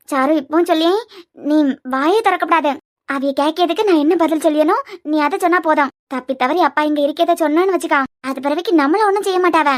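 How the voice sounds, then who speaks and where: A fairly high-voiced cartoon young woman with a Kanyakumari Tamil accent coaxes and explains in an earnest way. She is protective and secretive, as a woman voices her. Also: no echo, clean studio sound, natural voice. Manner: coaxing, earnest.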